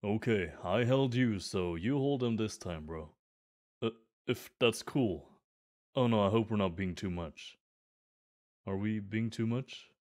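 Here the gym bro is voiced by a man whose slightly low, somewhat mellow voice sounds close to his everyday speech. He chats eagerly at a measured pace, explaining workouts in an earnest, friendly ASMR roleplay.

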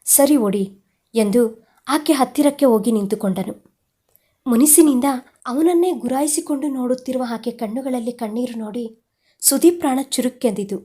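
A woman reads a romantic audio story as scripted narration. Her voice sits a little high, with a mellow, warm tone. Her reading is steady and expressive. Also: moderate pace, husky.

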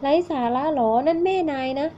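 A woman's voice: high-pitched, brisk, warm tone, muffled recording, slight background noise, close to an everyday voice. A woman voicing a bratty young star. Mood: angry. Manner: petulant, complaining. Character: young male movie star, bratty, hot-tempered.

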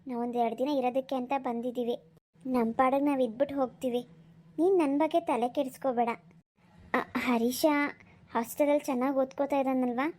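A woman doing a gentle young bride. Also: high voice, fairly even intonation, brisk, pauses often. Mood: reassuring. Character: young newly married daughter, gentle.

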